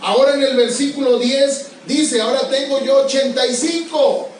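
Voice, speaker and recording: A man's voice: very high voice, normal speed, a little hiss or hum. A male pastor preaching a sermon, pressing the congregation with repeated questions. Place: church sanctuary. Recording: echoey church hall, far from mic.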